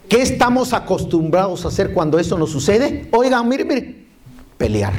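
A man with a fairly high, slightly mellow, husky voice preaches a sermon, reading Bible verses aloud and asking the congregation to repeat phrases after him. He keeps saying "hermano" (brother) and "mire" (look).

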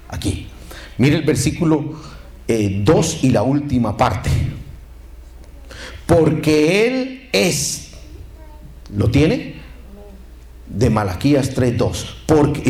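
A man's voice: medium pitch, echoey room. A man preaching a sermon, calling on the congregation for amens. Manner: lively, calls to the congregation for amens. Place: church.

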